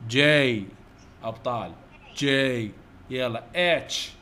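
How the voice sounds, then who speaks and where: A man with an Iraqi Arabic accent, teaching English letters to children online, coaxing loud repetition and heaping praise. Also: medium pitch, slow pace, slight background noise. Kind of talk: online letter-drill lesson.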